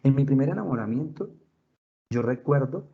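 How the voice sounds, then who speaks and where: A husky man speaks earnestly to parents, mixing his own stories with questions for them. His pitch is mid-range, and the sound is slightly dull, like a lo-fi video call. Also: expressive, normal speed. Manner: earnest, storytelling, asks questions. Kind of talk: talk to parents, told from his own life. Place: at home, with pets nearby.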